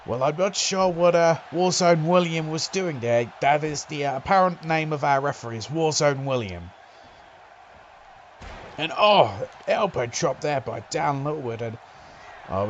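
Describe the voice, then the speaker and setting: A man doing excitable play-by-play wrestling commentary, breaking into loud exclamations. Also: fairly high pitch, a little hiss or hum.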